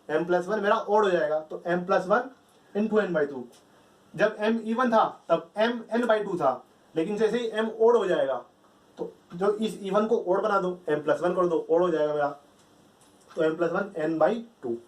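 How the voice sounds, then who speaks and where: A man teaching math at a board, explaining step by step and repeating key phrases. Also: fairly high pitch. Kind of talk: whiteboard lecture. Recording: echoey room, voice from a distance.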